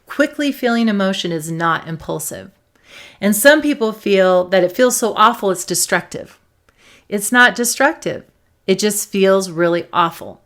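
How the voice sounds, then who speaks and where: Emphatic woman psychologist talking to camera. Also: medium pitch. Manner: warm, emphatic, repeats key points. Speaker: psychologist and host. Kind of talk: talk to camera on emotions.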